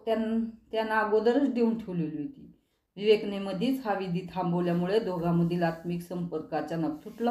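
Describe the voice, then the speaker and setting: A woman reads a horror mystery audiobook in a steady storytelling voice. Her tone is mellow and soft. The recording has a roomy, echoey sound. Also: medium pitch. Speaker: audiobook narrator. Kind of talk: scripted horror narration.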